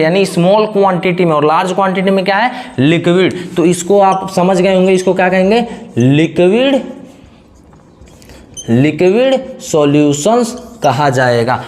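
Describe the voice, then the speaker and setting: Male chemistry teacher, slightly high voice, lectures by asking rhetorical questions and answering them. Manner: repeats a fixed question-and-answer pattern. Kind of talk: classroom lecture.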